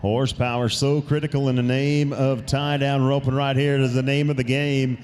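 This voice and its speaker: A man calling tie-down roping runs live at a rodeo, quick and upbeat, and joking with a co-announcer between runs. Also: mid-range voice, level tone, noisy background. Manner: quick, upbeat calls with easy laughter. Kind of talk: live rodeo commentary and banter.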